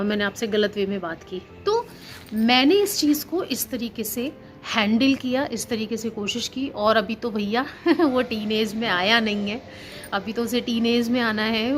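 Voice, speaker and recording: A woman's voice: fairly high pitch, slight background noise. A woman in her thirties, a housewife and teacher, talking earnestly in a casual parenting vlog, often repeating herself and slipping English words into her talk. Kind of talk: casual chat about parenting.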